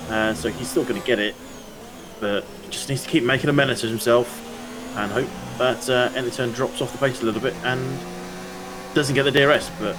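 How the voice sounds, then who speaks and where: Excitable male sim racing commentator. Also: mid-range voice, brisk, noisy background. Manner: excitable, voice jumps up during close battles. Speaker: race commentator.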